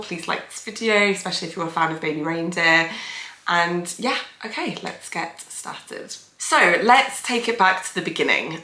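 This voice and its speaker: A young woman, a therapist hosting her own channel, gives casual video commentary in a chatty, thoughtful way full of fillers. Her fairly low voice sounds pushed and bright, a bit nasal from hay fever, and the room is echoey.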